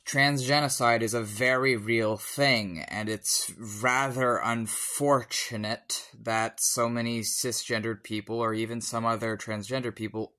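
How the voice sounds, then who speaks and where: A tipsy man giving a solemn personal monologue in deliberate, formal phrasing. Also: fairly low pitch, sharp tone. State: tipsy from alcohol.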